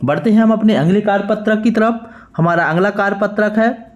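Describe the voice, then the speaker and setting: Male schoolteacher, Madhya Pradesh accent, high voice, patient dictation. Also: highs cut off. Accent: Madhya Pradesh Hindi. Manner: slow, clear dictation of words one by one. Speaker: teacher. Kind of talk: worksheet lesson for school pupils.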